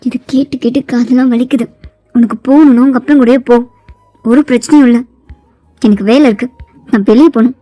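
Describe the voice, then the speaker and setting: A woman's voice: on the high side, steady tone, a little fast, pauses often, no echo, soft background music, lightly acted. Woman playing a harsh, scolding young man. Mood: irritated. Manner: sharp and scolding. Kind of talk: fan fiction voiceover.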